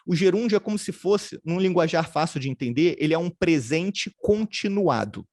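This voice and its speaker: A man's voice: on the high side, animated, normal speed, a little mellow, no echo, studio quality. A man giving a remote training lecture on customer service. He explains step by step and often adds tag questions.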